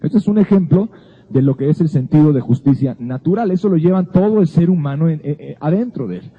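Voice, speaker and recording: A man's voice: a little high, lively intonation, a little fast, husky. A man giving an earnest Bible teaching, telling a personal story in a conversational way. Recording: phone-like narrow sound.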